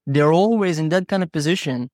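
A non-native English-speaking man, working as a horse trainer and appearing as a podcast guest, shares his thinking earnestly through personal stories and rhetorical questions. His voice is fairly high and a little mellow, a little fast, recorded dry in studio quality.

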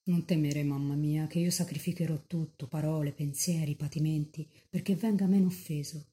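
A young woman mystic lost in rapture, as a nun reads her words aloud, pleading with Mary in a fervent, tender prayer. The voice sits low and mellow. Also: steady tone, normal speed, close to an everyday voice.

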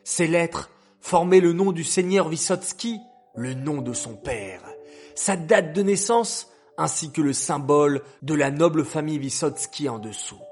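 A male storyteller reading a tale slowly and with care. His voice sits a little higher than most men's, and soft music plays faintly behind him. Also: expressive. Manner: slow, measured telling. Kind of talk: scripted story narration.

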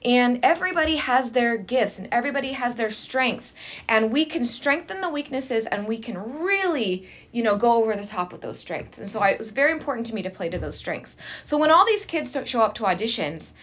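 This is a woman drama teacher talking eagerly in a casual interview. Her voice sits a little high, and she tumbles through her thoughts with restarts. The recording is slightly muffled and lo-fi. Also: lively intonation, brisk, a bit bright. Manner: enthusiastic, talkative, many restarts. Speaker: high school drama teacher and assistant principal.

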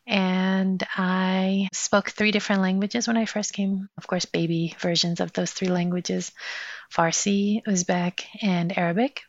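A woman's voice: on the low side, dry recording. A woman in her forties from Afghanistan, a poet, telling her story in a reflective interview. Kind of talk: personal interview. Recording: dry, slightly dull sound.

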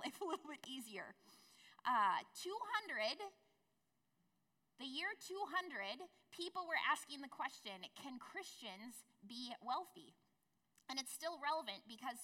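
Woman pastor preaching, kinda high bright voice, chatty asides to the crowd, big echoey church. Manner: conversational preaching with asides to the congregation. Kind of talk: sermon. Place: church sanctuary.

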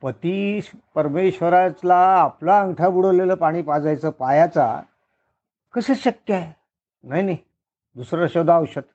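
A man's voice: fairly high pitch, measured pace, darkish tone, muffled recording. A man voicing a proud queen who refuses in scandalised indignation. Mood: indignant.

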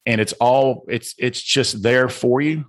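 A man's voice: mid-range voice, steady tone, measured pace. A middle-aged man with a Southern US accent, a guest author speaking earnestly and motivationally in a podcast interview. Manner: earnest, motivational, repeats phrases.

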